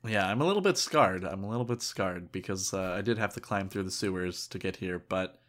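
A man's voice: low-pitched, fairly quick, fairly bright tone. A man in his early twenties, a podcast co-host chatting casually with dry, teasing banter. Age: early 20s. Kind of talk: casual chat.

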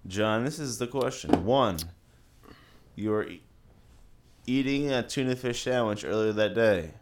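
A man co-hosting a podcast in casual chat, with a monotone voice and dry, crude banter. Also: medium pitch, a little slow, a little hiss or hum. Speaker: podcast co-host.

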